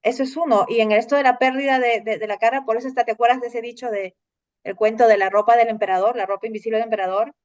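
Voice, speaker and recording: A woman hosting a casual conversation, telling stories in an animated way and acting out the lines of others. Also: on the high side, fast, dry recording, lo-fi sound. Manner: animated storytelling, acting out dialogue. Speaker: host.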